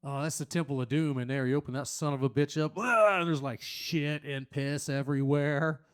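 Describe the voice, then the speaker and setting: A man's voice: mid-range voice, level tone, normal speed, clear, resonant tone. Crude rambling man doing stand-up. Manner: crude, rambling, talks to the crowd; puts on loud silly voices for quotes. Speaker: stand-up comedian. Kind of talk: stand-up comedy set. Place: small venue stage.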